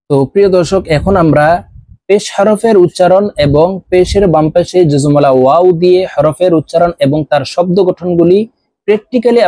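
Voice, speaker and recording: A Bangladeshi man teaching Quran letter reading, chanting syllables slowly and drawn out between quick explanations, with learners repeating after him. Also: fairly high pitch, mellow, no room sound. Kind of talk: recitation lesson with repeat-after-me drills.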